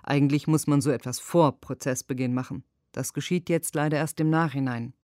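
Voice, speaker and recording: A woman reading a lawyer's translated interview answers in a measured, earnest way. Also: low voice, steady tone, warm tone, no echo, clean studio sound.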